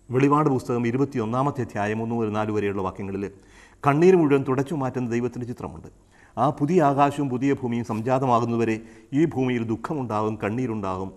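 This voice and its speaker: A man giving an earnest sermon reflection. He builds up his phrases and then drops to soft, hushed repeats. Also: mid-range voice. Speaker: preacher.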